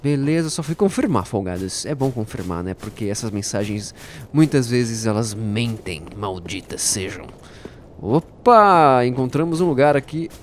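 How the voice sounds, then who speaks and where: A man giving playful, jokey let's-play commentary, talking to his viewers and bursting out excitedly during fights. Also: mid-range voice, moderate pace, slight background noise. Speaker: gaming YouTuber.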